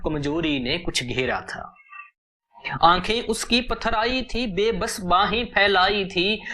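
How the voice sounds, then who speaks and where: Man slowly reciting a rhyming poem. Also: high-pitched, sharp tone. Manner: measured, repeats each couplet twice; rhythmic rhyming delivery. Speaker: poetry reciter. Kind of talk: slow poetry recitation.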